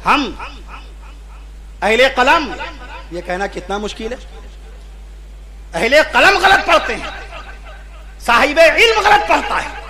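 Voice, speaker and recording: A man preaching at a religious gathering. He builds long, repeated lists that swell into shouts, then stops to spell out the correct pronunciation of names. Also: extremely high pitch, expressive, takes it slowly, long pauses. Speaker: Islamic preacher. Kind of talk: impassioned sermon at a religious gathering.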